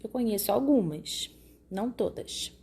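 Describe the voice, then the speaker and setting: A woman teaching a lesson to young children, explaining patiently and often checking that they follow. She draws words out slowly when sounding out syllables. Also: mid-range voice, animated, creaky, dark tone, husky. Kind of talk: recorded classroom lesson for children.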